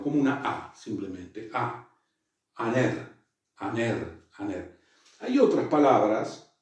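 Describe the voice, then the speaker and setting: A man lectures slowly, stopping often with fillers and restarts. His voice is mellow and dark. It sounds echoey and far from the mic. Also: fairly high pitch. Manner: hesitant, many fillers and restarts. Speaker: Greek teacher. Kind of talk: classroom lecture.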